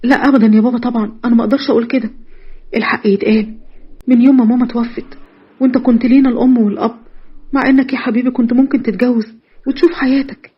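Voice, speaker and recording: A woman's voice: on the high side, steady tone, very fast, slightly rough, muffled recording. A woman voicing a twenty-something elder sister hiding a painful secret, in Egyptian Arabic, pleading and tearful.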